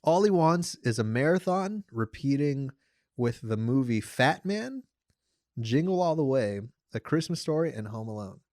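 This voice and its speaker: Laughing, swearing young podcast host. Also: male voice, medium pitch, big pitch swings, measured pace, darkish tone, dry recording, studio quality. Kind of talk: casual chat. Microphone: podcast studio mic.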